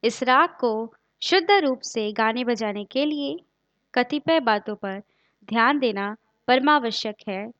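A woman giving a formal lesson on a classical raga, explaining in measured terms and reciting note names in a steady, deliberate way. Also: fairly high pitch, no room sound. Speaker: music teacher. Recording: dull, dry lo-fi recording.

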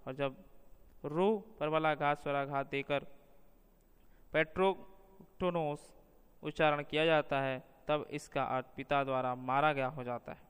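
Male teacher, measured read-aloud lesson, very resonant voice, reverberant room. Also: mid-range voice, flat delivery, fairly bright tone, smooth. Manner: measured, slows down to spell out example words. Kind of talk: reading a linguistics lesson aloud.

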